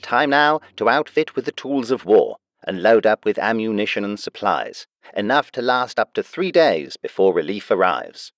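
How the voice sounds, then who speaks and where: A man's voice: lowish voice, big pitch swings, moderate pace, hardly any pauses, dry recording. A man reading scripted wartime newsreel narration in a dramatic, declarative way. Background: music under the narration.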